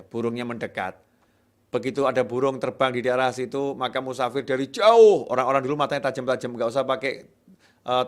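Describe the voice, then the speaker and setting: Man, preacher, sermon, swings loud and soft, acts out voices. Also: mid-range voice. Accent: Indonesian.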